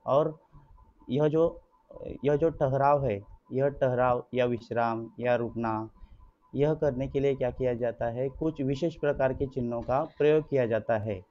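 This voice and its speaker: A man's voice: mid-range voice, fairly even intonation, unhurried. A male school teacher gives an online grammar lesson over slides, patiently explaining to the children and constantly posing rhetorical questions that he answers himself. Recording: dull lo-fi recording.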